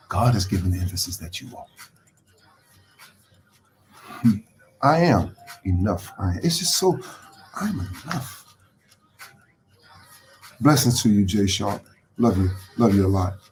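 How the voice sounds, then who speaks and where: A man's voice: mid-range voice, warm tone, a little hiss or hum. A man hosting a live motivational talk. He speaks conversationally, repeats phrases for emphasis and greets viewers by name as he goes. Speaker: motivational host.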